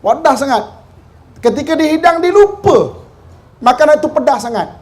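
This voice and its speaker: A man with a Malaysian Malay accent giving a humorous sermon on a forum panel, telling stories and chanting Quranic verses slowly. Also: extremely high pitch. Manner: animated, acts out quoted characters. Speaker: religious lecturer on a panel forum.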